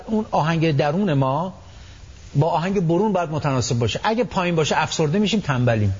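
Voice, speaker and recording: A man guest on a radio talk show, explaining his ideas in an animated way, often acting out what people say. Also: a little high, slightly rough, lo-fi sound. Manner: animated storytelling, acts out quotes. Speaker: psychology expert guest.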